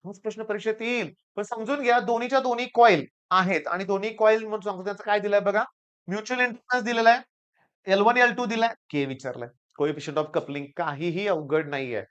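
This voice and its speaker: Man, Marathi accent, physics tutor, hoarse throat, repeats points, smooth resonant voice. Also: sits high, brisk, fairly bright tone, lo-fi sound. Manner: coaxing, repeats key points, calls students "children". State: sore throat. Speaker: physics teacher. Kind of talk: exam-prep lecture.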